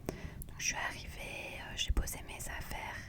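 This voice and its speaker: A woman narrating an ASMR vlog in a quiet, hushed night-time whisper, close to the microphone. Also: measured pace. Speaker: vlogger narrating her trip.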